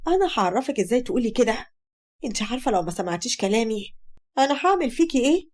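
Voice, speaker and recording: A woman's voice: on the high side, very animated, fast talker, darkish tone. A woman with an Egyptian accent voicing a harsh, scheming mother who scolds sharply. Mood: scolding. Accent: Egyptian Arabic.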